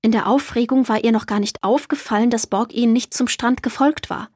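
A woman narrating a children's audiobook in a lively, expressive manner. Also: a little high, fairly quick, breathy edge, no echo, studio quality.

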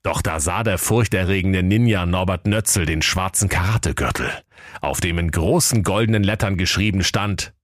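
A man's voice: low-pitched, moderate pace, no echo, studio quality. A man narrating a comic fairy-tale parody in a mock-solemn storytelling manner.

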